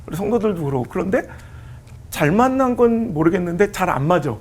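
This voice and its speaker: A middle-aged man from the Chungcheong region, a pastor telling lively, laughing stories and acting out quoted lines on a church talk show. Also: high-pitched, a little fast, slight background noise. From Chungcheong region, South Korea. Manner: animated, laughing storytelling that acts out quoted lines.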